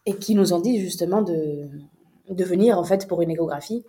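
A woman's voice: fairly low pitch, a little fast, mellow. A young woman recounting a personal story in an interview, hesitant, with many fillers and restarts. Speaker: guest.

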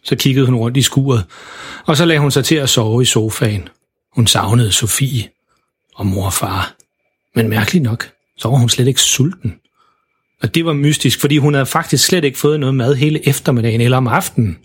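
A man's voice: mid-range voice, husky. A man narrating a children's story in simple, plain storytelling.

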